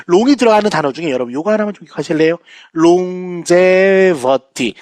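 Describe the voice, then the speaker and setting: A man teaching English vocabulary in a recorded lecture, lively and playful, often addressing his students directly. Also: fairly high pitch, no room sound. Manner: lively lecturing, frequent "자, 여러분" asides, playful jokes.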